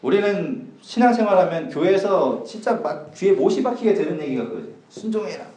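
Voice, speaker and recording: A man preaching a casual sermon to a youth group, chatty and joking, swinging between loud and soft. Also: high voice, lively intonation, brisk. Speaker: youth pastor. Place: church hall. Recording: echoey church hall, from a distance.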